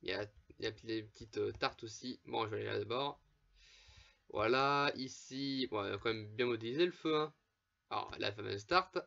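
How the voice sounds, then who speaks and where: A man's voice: on the low side, normal speed, vocal fry, sharp tone, muffled recording. A man casually commenting on his own gameplay, chatting to viewers with frequent swearing and laughs. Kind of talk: casual let's play commentary.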